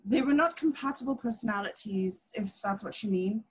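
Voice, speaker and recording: A woman's voice: medium pitch, moderate pace, breathy edge, low-quality recording. A woman playing a stern, proper older witch professor in a fantasy screenplay read, speaking formally. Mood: guarded.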